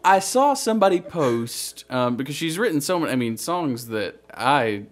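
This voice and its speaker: A man co-hosting a podcast in casual chat, telling stories and quoting others in an animated way. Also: medium pitch, normal speed. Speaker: podcast co-host.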